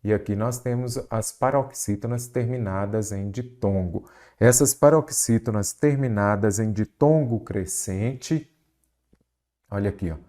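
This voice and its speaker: A man's voice: lowish voice, measured pace, warm tone. A man with a Brazilian Portuguese accent teaching an exam-prep grammar lesson, quizzing the listener with rhetorical questions.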